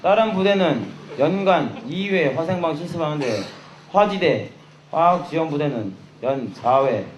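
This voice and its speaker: A man's voice: on the high side, lively intonation, measured pace, muffled recording. A man instructing military recruits and answering their questions. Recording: echoey room with clear background noise.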